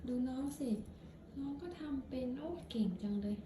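Woman, high voice, mother in a casual home vlog, encouraging and exclaiming to small kids, noisy room. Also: normal speed. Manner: encouraging, exclaiming, uses polite feminine particles. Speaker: mother filming her young children as they help cook. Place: indoors at home. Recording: echoey room with clear background noise.

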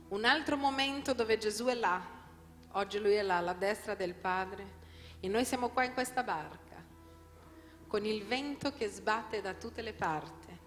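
A woman pastor delivering an emphatic sermon, putting rhetorical questions to her congregation. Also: fairly high pitch. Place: church hall. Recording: long hall reverb, soft music behind.

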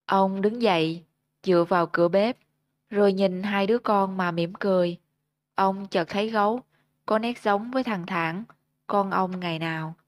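A woman host narrating a ghost story in a steady, measured storytelling manner, on a close mic. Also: medium pitch, no room sound.

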